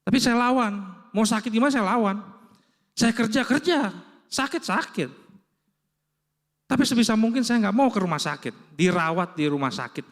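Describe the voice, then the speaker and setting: A man's voice: high-pitched, expressive, moderate pace, pauses often, fairly bright tone, in a large hall. A man preaching and telling a personal story, acting out the voices of others as he goes. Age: adult with children. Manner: storytelling, acts out quoted dialogue. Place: church hall.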